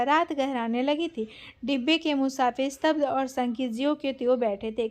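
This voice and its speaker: A woman narrating a literary short story in a measured, expressive reading. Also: high voice.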